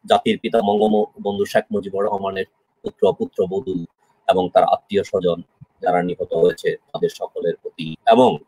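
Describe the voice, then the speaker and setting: A man from Bangladesh hosting an online poetry gathering, speaking in a solemn, measured, declamatory way. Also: deep voice, flat delivery, dark tone, husky, dry recording, rough recording. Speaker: host. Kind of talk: formal tribute speech.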